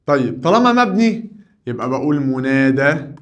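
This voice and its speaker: An Egyptian-accented man teaches Arabic grammar at a moderate pace, posing questions and then supplying the answers himself. His pitch swings widely, rising as he asks and falling low as he responds.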